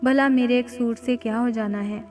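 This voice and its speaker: Young wife in a story, tender and pleading, voiced by a woman, high flat voice. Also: moderate pace, soft background music, close to an everyday voice.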